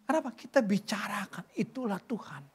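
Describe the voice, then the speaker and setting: A woman's voice: mid-range voice, lively intonation, a little fast, breathy edge. A middle-aged woman preaching a sermon at a church service, chatty and joking, with many rhetorical questions.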